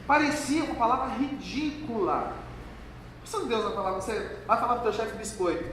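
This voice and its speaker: High-voiced pastor in an echoey hall. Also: male voice, fairly quick. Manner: lively storytelling, addressing the congregation directly. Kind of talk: sermon. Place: church hall during a service. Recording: echoey hall from far off, background noise.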